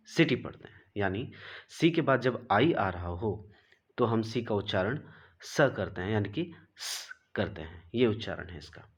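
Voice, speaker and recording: A man's voice: lowish voice, lively intonation, unhurried, husky. A man teaching pronunciation in a classroom-style lesson, spelling out words letter by letter, repeating them and checking with "right?". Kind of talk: classroom lesson, explaining rules slowly.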